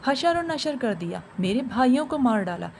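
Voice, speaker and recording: A taunting, vengeful young jinn bride from a spoken horror story, as a woman storyteller puts her on. Her voice sits a little high and carries a menacing edge, with faint noise under it. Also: very animated.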